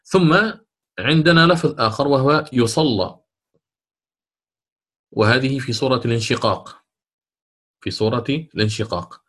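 A man teaching Quran recitation rules. He explains them step by step, drawing out the recited examples slowly and often checking with his students. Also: medium pitch, a bit bright. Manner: slow, drawn-out recitation of examples between plain explanation; asks check questions of students. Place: lesson recorded for an online institute.

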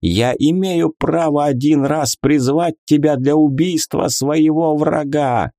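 A man voicing a frightened, desperate male dark god in a storybook, shouting and panicky. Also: a little high, slow pace, no room sound, studio quality, voice pushed up. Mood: demanding.

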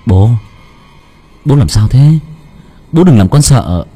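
A man voicing a young former soldier who speaks gently and soothingly. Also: mid-range voice, sing-song, takes it slowly, breathy edge, soft background music, full character voice. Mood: worried gentle.

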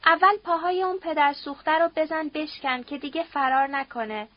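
A woman's voice: high-pitched, dry recording, highs cut off, natural voice. Woman voicing a raging cruel nobleman. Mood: furious threatening. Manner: furious, bellowing, harsh. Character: cruel domineering nobleman shouting threats.

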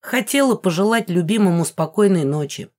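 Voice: animated, fairly quick, close to an everyday voice. A woman putting on a brash, headstrong young woman. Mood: indignant. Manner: higher, loud and indignant. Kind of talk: audiobook character voice.

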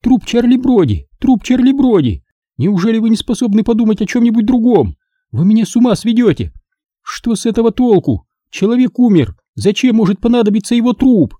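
A man reading an audiobook and voicing a scheming, easily flustered wealthy woman who turns shrill and indignant. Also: expressive, normal speed, dark tone, dry recording. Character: anxious scheming wealthy middle-aged woman.

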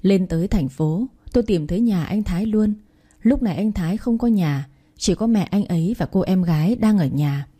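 A young woman from Thanh Hóa tells her own sorrowful story in the first person. Her reading is plaintive and emotional, with a mellow, dark-toned voice at an ordinary pitch. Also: animated, normal speed, breathy edge. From Thanh Hóa, Vietnam. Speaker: narrator.

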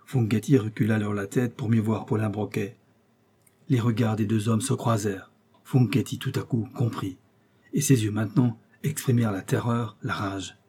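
A male audiobook narrator with a husky, dark voice, reading an adventure novel with measured, dramatic storytelling. His delivery is steady and scripted. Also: lowish voice.

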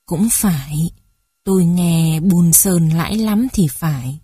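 A woman's voice: lowish voice, slow pace, mellow, breathy edge, no echo, clean studio sound. A woman voicing an elderly dignified mother who asks questions hesitantly in a storybook. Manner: hesitant, searching.

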